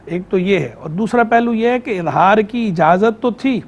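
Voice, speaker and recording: A man Islamic scholar on a live call-in show, explaining religious rules in a measured way and repeating key terms. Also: sits high. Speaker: Islamic scholar answering on air. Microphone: remote line into studio.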